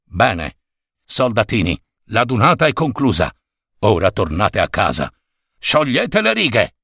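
A man's voice: lowish voice, huge pitch swings, measured pace, creaky, sharp tone, slightly rough, no room sound, clean studio sound, full character voice. A man voicing a stern old general who gives clipped orders to a group of children. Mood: commanding.

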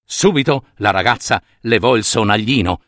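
Male storyteller, expressive fairy-tale reading, lively and slightly high, dry sound. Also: normal speed, no echo. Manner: expressive, animated narration.

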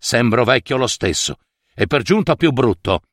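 A man reading aloud and voicing a sad, gaunt older bridegroom who talks glumly and haltingly. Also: mid-range voice, expressive, dry recording, clean studio sound, lightly acted. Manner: glum, hesitant.

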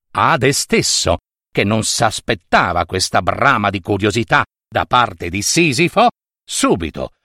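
Guy telling an old myth real slow, sing-songy and dramatic, dry close sound. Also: mid-range voice, a bit bright, no echo. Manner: theatrical, drawn-out, with dramatic pauses. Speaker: storyteller. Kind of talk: storytelling narration of Greek myth.

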